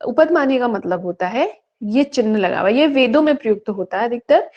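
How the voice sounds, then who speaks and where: Woman teacher, online exam-prep lecture, slightly high voice, dull lo-fi sound. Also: animated. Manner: asks questions then answers them, recites rules slowly. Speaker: Sanskrit teacher.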